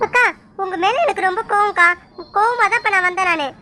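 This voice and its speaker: A woman voicing an outspoken young village girl who talks quickly and scolds in a cartoon. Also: extremely high pitch, bright, forceful tone, slight background noise. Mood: indignant.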